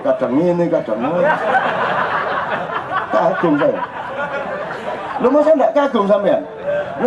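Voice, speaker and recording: A man's voice: high voice, lo-fi sound, a little hiss or hum. Joking Javanese man preaching to a crowd. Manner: joking, animated, mixing in local dialect. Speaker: speaker at a religious forum. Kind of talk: informal religious talk to a crowd. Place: live open forum event.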